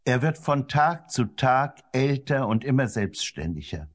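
A man voicing a calm, kind older brother who speaks softly and slowly to comfort his little brother in a children's audiobook. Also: mid-range voice. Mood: gentle comforting. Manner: soft, slow and comforting.

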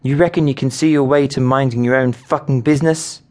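A man's voice: mid-range voice, animated, normal speed, pitched above the performer's own voice, close to an everyday voice. A male narrator voicing a tough, short-tempered frontier woman who talks with a blunt, folksy drawl. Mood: snapping. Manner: blunt, snappish. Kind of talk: audiobook character voice.

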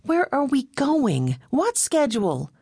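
A woman's voice: sits high, huge pitch swings, slow pace, dark tone, slightly rough, dry recording, studio quality, voice pushed up, exaggerated voice. A woman narrator voicing a spirited young woman who scolds and teases in a wry way. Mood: scolding.

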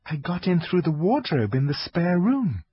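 Young girl, curious and polite, raised husky voice, lo-fi dull sound, man voicing. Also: sits high, very animated, moderate pace, pitched above the performer's own voice, full character voice. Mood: earnest. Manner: plain, earnest, a little puzzled. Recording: dull lo-fi dry recording.

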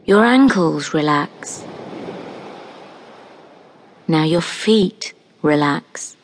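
A woman with a low voice narrates a scripted guided meditation. Her manner is calm, soothing and unhurried, and she leaves long pauses between phrases.

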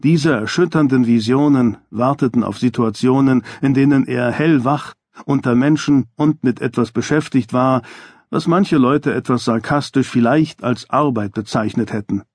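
A man narrating an audiobook in a measured, dry, even storytelling manner on a close studio mic. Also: mid-range voice, no echo.

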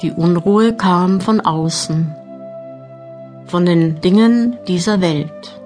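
A woman narrating a guided meditation audiobook, giving measured instructions with long pauses. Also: on the low side, darkish tone. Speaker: mental training narrator. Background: new-age music.

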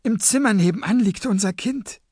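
A man's voice: normal speed, darkish tone, husky, dry recording, studio quality. A man doing a panicked, stammering young man. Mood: panicked pleading. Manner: high, stammering and pleading. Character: terrified stammering young male sorcerer. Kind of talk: audiobook character voice.

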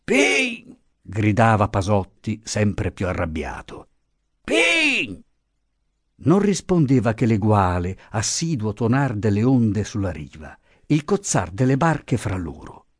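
A man reads a classic novel aloud in expressive, theatrical audiobook narration. His fairly low voice rises and falls widely. The recording is close and dry. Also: a little slow, no room sound. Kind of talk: scripted literary narration.

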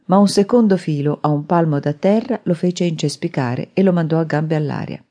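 Woman narrator, low mellow voice, dramatic thriller reading. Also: fairly quick. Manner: dramatic, steady storytelling. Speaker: audiobook narrator. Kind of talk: scripted narration.

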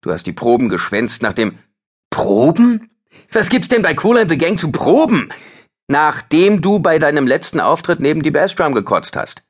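A man's voice: lowish voice, expressive, moderate pace, hardly any pauses, breathy edge. A man voicing a blunt male bandleader who curtly fires his friend from the band. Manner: curt, dismissive.

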